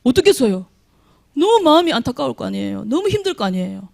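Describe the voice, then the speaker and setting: A woman's voice: a little high, big pitch swings, fast, creaky, a little mellow. A woman preaching a sermon to young people, often quizzing her listeners with questions and acting out heartfelt prayers. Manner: acts out dramatic prayers. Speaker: youth preacher. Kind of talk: children's sermon.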